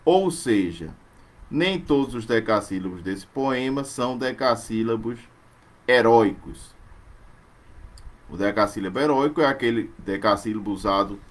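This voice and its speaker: A man teaching a live online literature class, explaining verse form and scanning lines slowly syllable by syllable, often checking in with tag questions. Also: on the low side, expressive.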